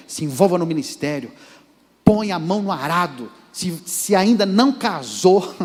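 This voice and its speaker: A man's voice: high voice, a little mellow. A Brazilian Portuguese-speaking man preaching a sermon as pastor, emphatic and speaking straight to the congregation. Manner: emphatic, addresses the congregation directly. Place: church sanctuary. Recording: church reverb.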